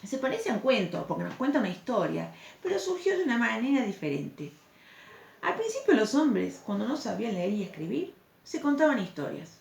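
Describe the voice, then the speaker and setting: A woman's voice: on the high side, very animated, a little fast, creaky, darkish tone. A woman teacher, patiently explaining a recorded lesson and checking in with the class through questions. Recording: echoey room, faint background noise.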